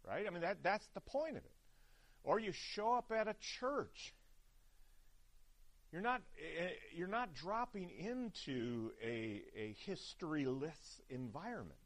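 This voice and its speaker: At a seminary chapel, a high-voiced man delivers a sermon in a conversational way, often restarting and frequently checking in with "right?"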